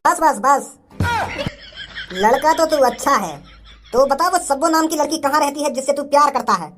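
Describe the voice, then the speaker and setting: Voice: high-pitched, moderate pace, a bit bright, faint music behind. A performer voicing a short-tempered village father in a cartoon, mocking and bossy, with a threatening streak. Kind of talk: cartoon voice acting.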